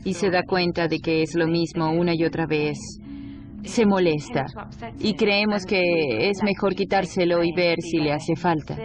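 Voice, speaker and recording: A woman's voice: fairly low pitch, fairly even intonation, unhurried, natural voice. A woman voicing a devoted middle-aged wife in a dubbed documentary interview, with music behind her. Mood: earnest, tender. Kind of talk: documentary interview voice-over dub.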